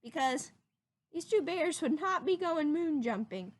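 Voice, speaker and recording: A woman with a high-pitched voice reads a picture book aloud for young children, animated like a teacher, drawing out words and pausing to ask them questions.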